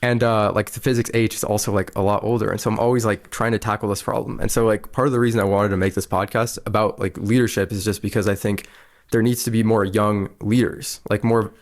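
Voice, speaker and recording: A man's voice: fairly low pitch, level tone, fast talker. A man in his early twenties hosting a podcast interview, chatting casually and eagerly, filling his speech with "like". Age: early 20s. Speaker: podcast host.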